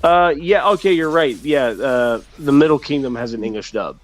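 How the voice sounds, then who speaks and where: A man's voice: medium pitch, moderate pace, soft background music. A man co-hosting a casual gaming chat, rambling and thinking aloud as he talks. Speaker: co-host.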